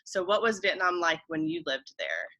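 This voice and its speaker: A woman's voice: fairly low pitch, big pitch swings, normal speed, bright, forceful tone. A woman hosting a casual web interview, introducing her guest and asking questions in a conversational way. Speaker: host.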